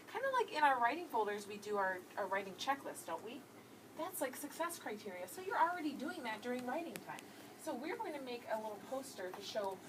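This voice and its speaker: A woman teaching young children, explaining in simple words and often checking understanding with short questions. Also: a little high. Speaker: early grade teacher explaining to class. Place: classroom with children. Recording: distant mic in noisy classroom.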